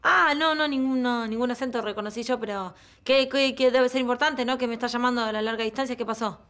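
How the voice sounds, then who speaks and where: A bubbly, chatty woman played by an actress picks up the phone with a high, bright, voice. Faint clicks and background noise come through. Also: fast talker, close to an everyday voice. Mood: puzzled. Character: cheerful, chatty woman answering a phone call.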